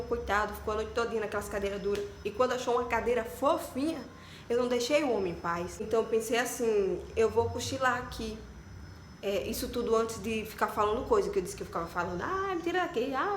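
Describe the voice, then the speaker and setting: A woman's voice: on the high side, quick pace, slight background noise. Chatty Brazilian woman in echoey room. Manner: chatty and animated, many fillers like "tipo" and "né". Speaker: vlogger. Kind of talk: casual personal storytelling. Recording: echoey room with faint ambience.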